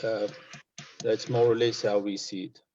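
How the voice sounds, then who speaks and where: A man with a Namibian accent speaking as a conservationist in an informal interview, in a hesitant, measured and concerned manner. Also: fairly low pitch, level tone, darkish tone, slight background noise. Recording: dull lo-fi online call audio.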